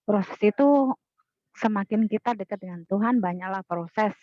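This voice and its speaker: A woman in an online class telling a personal testimony in an earnest, halting way, often repeating herself, over a video call. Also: mid-range voice, no echo, dull audio.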